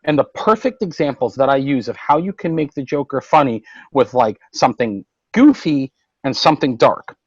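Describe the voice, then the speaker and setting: A man's voice: medium pitch, moderate pace, slightly rough, dry recording, lo-fi sound. Man passionately retelling comic plots. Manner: animated storytelling, recounting plots in detail. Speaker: podcast co-host. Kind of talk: casual roundtable chat.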